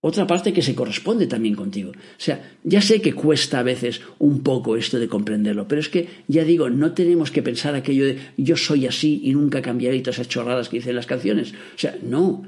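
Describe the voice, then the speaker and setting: A man with a Spain Spanish accent hosts his podcast and explains things in a relaxed, chatty monologue. He often leans on fillers like "o sea" as he goes. His voice sits at an ordinary middle pitch. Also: a little fast, few pauses. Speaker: astrology podcast host.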